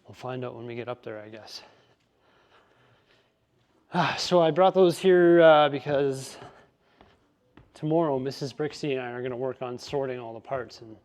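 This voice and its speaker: A man's voice: mid-range voice, moderate pace, pauses often, a little mellow. A man chatting casually and upbeat in a vlog as he tidies his garage and studio, rambling through asides. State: out of breath. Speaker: vlogger.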